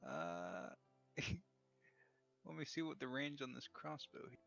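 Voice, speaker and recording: A man's voice: medium pitch, sing-song, slow, vocal fry, a bit bright, dry recording. A man playing a tabletop game, laid-back and often laughing, with hesitant fillers. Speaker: player. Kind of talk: casual tabletop play. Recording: dull lo-fi audio with faint music.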